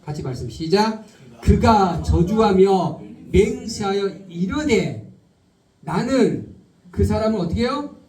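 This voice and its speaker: Animated preaching man in an echoey church. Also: high voice. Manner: keeps firing rhetorical questions at the congregation; slows and stresses key words. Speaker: pastor. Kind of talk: sermon. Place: church sanctuary. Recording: roomy hall, speaker far from the mic.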